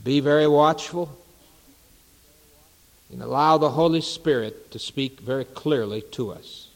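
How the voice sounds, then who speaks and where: A male pastor preaching and praying in a church sanctuary, measured and unhurried, with reverent pauses. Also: mid-range voice. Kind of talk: sermon. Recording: long reverb of a large sanctuary.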